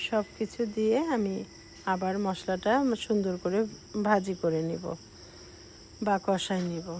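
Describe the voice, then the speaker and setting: Slow-spoken woman with a cold. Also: medium pitch, steady tone, a little hiss or hum. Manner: slow, soft-spoken explaining. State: short of breath from a cold. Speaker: cooking vlogger. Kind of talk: casual cooking voice-over.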